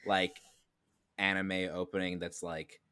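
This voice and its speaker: A man's voice: low voice, little pitch movement, takes it slowly, pushed and bright, clear, resonant tone, no echo, studio quality. A man co-hosting a podcast in casual chat, rambling with lots of filler and slipping into goofy voices. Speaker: podcast co-host.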